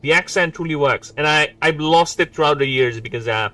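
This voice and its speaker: A man's voice: a little high, a little fast, bright, forceful tone. A man in his forties from the Philippines with a mixed English accent, rambling and joking on a casual livestream. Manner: joking, rambling, self-mocking asides. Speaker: indie game developer streaming. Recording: distant mic with faint music. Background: faint background music.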